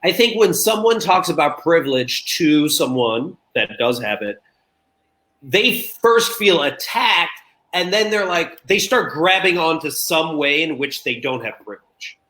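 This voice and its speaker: A man's voice: fairly high pitch, lively intonation, a little slow, bright, forceful tone, rough recording. A man as a guest in a casual conversation, telling stories and acting out the people he quotes. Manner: storytelling, acts out quoted voices.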